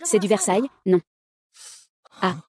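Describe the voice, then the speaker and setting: A woman reading out a dubbed drama, giving every character the same even voice. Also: medium pitch, unhurried. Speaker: narrator voicing every character. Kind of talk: fast dubbed drama read-through.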